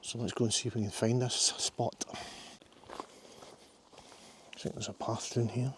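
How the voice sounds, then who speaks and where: A man's voice: mid-range voice, little pitch movement, measured pace, noisy background. A middle-aged Scottish man, a landscape photographer, chatting to himself in a casual vlog while hiking through riverside woods outdoors.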